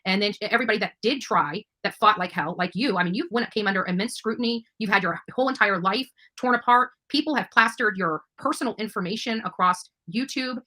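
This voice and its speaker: Brisk and barely pausing, this woman runs an online interview with a pushed, bright, medium-pitched voice. She keeps the conversation chatty, leans hard on her points, voices strong opinions, and reads text messages out loud.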